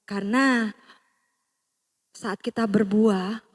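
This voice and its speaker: A woman preaching a sermon with a personal testimony, speaking straight to the congregation and shifting between loud emphasis and soft, hushed passages. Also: mid-range voice, fairly even intonation, very slow. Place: church service hall. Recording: long church hall reverb.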